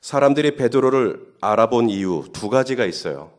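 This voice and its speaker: Speaking at normal speed with an expressive, mid-range voice, this man is a pastor giving a Holy Week sermon at an early-morning service. He keeps it conversational until he works up to emphatic questions.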